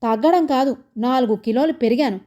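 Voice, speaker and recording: A woman voicing her gruff, irritated middle-aged husband in a comic story. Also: high voice, fairly quick, dark tone, natural voice.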